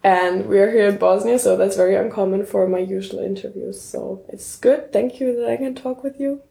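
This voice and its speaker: Podcast host, woman, German accent, gravelly dark voice, friendly, laughs a lot. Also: mid-range voice, roomy sound. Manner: friendly, laughs often, halting non-native English. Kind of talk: casual interview. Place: indoors at a table.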